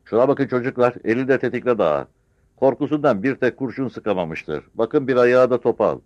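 A big, bossy older village woman mocks and scolds in a loud, raised voice, as a male storyteller puts her on. Her tone jumps around a lot, and the recording is dull and lo-fi in a dry space. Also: mid-range voice, animated, brisk, no echo, voice pushed up, close to an everyday voice. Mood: mocking. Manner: scornful, shouting at the villagers.

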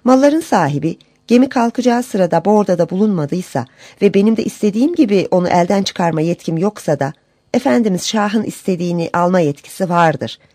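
A careful, deferential ship captain, as a woman narrator plays him, explaining himself politely in a lively, rising voice. The sound is dry and close. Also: mid-range voice, fairly quick, dry recording, lightly acted.

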